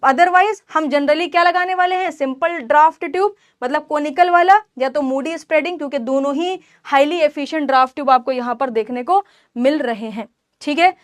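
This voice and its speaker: A woman teaching an engineering class in a high voice, close and dry with no room sound. She poses questions to the students and answers them herself, and now and then teases them. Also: no echo. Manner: teasing scolding asides to students. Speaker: engineering lecturer. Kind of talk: classroom lecture mixing Hindi and English terms.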